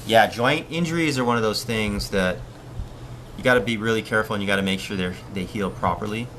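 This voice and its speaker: A man's voice: lowish voice, fairly quick, slight background noise. A man from Hawaii, a surf coach hosting a casual live-stream Q&A and reading viewer questions aloud. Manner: relaxed, chatty, reads viewer questions aloud.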